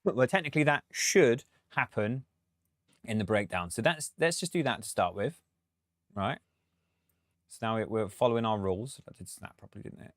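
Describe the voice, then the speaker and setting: Male producer streaming a tutorial; casual, rambling, laughs a lot, low voice. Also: animated, normal speed, dry recording, studio quality. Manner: chatty, thinks aloud, laughs often. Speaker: music producer.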